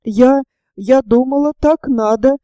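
A woman's voice: high voice, slow pace, dark tone, clear, resonant tone, no room sound, studio quality. A woman voicing a giddy, childlike, timid young woman who babbles playfully in an audiobook. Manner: playful, babbling, easily frightened.

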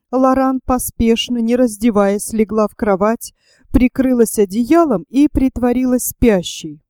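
With a dark, mellow voice pitched slightly high, a female narrator reads a novel aloud at a steady, measured audiobook pace. The recording is close and dry.

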